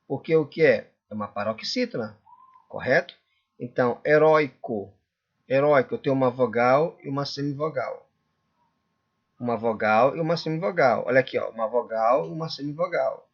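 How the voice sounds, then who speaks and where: A male Portuguese teacher giving a classroom lecture, often checking in with the class and drawing out example words slowly. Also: medium pitch, lo-fi sound. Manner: checks in constantly with "correto?" and "tudo bem?".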